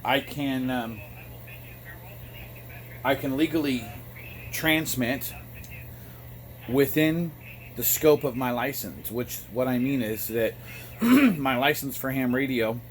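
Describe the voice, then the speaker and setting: An amateur radio operator who vlogs speaks to his phone's front camera, explaining something informally and haltingly with apologetic asides. His mid-range voice is animated. The recording is noisy, with a two-way radio sounding in the background.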